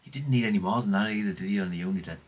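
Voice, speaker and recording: Talking at a racing pace in a lowish voice, a middle-aged man vlogs about his radio collecting, rambling casually and colloquially. He keeps tagging questions onto his statements.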